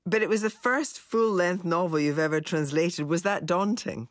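Low-voiced woman radio interviewer. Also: normal speed, no room sound, clean studio sound. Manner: probing, articulate questions. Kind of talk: broadcast interviewing.

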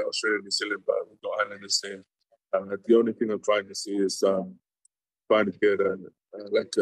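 A Tongan man in his forties, a former sumo wrestler, answering interview questions in a halting way with many fillers and restarts. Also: fairly low pitch, dry recording, low-quality recording. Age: 40s.

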